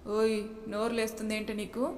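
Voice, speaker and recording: A woman's voice: a little high, monotone, normal speed, a little mellow, a little hiss or hum, close to an everyday voice. A woman voicing a feisty young wife who answers back boldly, in a storybook reading. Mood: cheeky. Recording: echoey room with long reverb.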